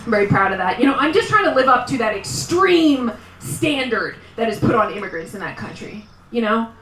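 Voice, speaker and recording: A woman doing stand-up in a small live venue, her voice sitting a little high for a woman. She is wry and self-mocking, with sudden loud outbursts. The sound is roomy and caught from a distance. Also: animated, normal speed, a little hiss or hum. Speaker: stand-up comedian. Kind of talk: live stand-up comedy set.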